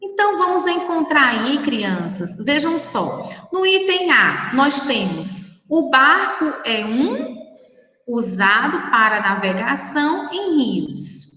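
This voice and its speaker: A woman schoolteacher with a Brazilian Portuguese accent, giving a lesson to young children and slowly spelling out words syllable by syllable in a patient, affectionate way. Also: sits high, sharp tone, roomy sound, big-room sound, distant mic, poor audio. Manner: slow, drawn-out syllable-by-syllable dictation to children; affectionate, patient, addresses pupils as children and darlings. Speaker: primary school teacher. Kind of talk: recorded remote class lesson.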